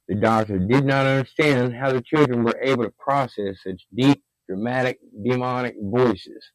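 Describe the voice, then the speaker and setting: A man tells a haunting story in a loose, conversational way, dropping curses and fillers and leaning hard on key words. His voice sits on the low side, and the recording is dry and close. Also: darkish tone, no echo, rough recording. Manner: profane, conversational, with fillers and emphatic bursts. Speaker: narrator. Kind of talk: casual storytelling narration.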